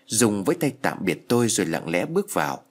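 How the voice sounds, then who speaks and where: Expressive male audiobook narrator. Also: on the low side, a little fast. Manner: expressive, dramatic storytelling. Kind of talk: scripted horror story narration.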